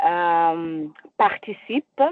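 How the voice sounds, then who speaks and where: A woman's voice: on the low side, extremely slow, clear, resonant tone, dry recording. A woman teacher speaking hesitantly with many fillers while joining a webinar over a video call. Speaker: French teacher, participant. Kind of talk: webinar contribution. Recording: tinny, dry video-call line.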